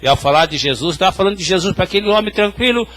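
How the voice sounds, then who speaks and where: High, bright-voiced pastor preaching. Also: male voice, expressive, rapid-fire. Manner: tells hospital stories, addressing the congregation directly. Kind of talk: sermon.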